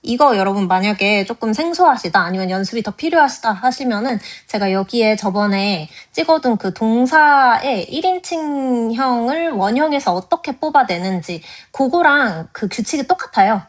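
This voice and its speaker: A woman's voice: fairly high pitch, lively intonation. A woman teaching a grammar lesson, addressing her viewers directly and drawing out each example word. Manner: slow, drawn-out pronunciation of example words. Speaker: language teacher.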